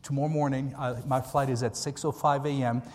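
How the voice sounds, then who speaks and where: Speaking to a group in a big hall, this American pastor gives a casual seminar training talk in a brisk, slightly mellow mid-range voice with little pitch movement. He keeps things conversational and circles back to points to stress them. Long reverb fills the echoey room.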